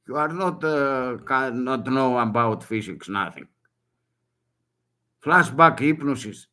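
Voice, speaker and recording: An older man, a native Greek speaker with a Greek accent, makes an urgent public appeal in a self-made video. His voice is medium-pitched and sharp, and he speaks slowly in broken English, repeating short phrases.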